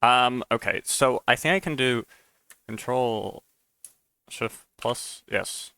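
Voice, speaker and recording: Rambling man with a bright, crisp voice. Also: mid-range voice, takes it slowly, dry recording. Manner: rambling, stammers and repeats words, says "dude" often. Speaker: streamer and mod developer. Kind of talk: casual live-stream chat while coding.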